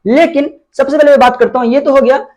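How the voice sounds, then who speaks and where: Indian guy teaching a grammar class, keeps asking "clear?" and answering his own questions, repeats everything. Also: extremely high pitch, steady tone, fast talker, darkish tone. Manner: asks questions and answers them himself, repeats key points. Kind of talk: classroom-style grammar lesson.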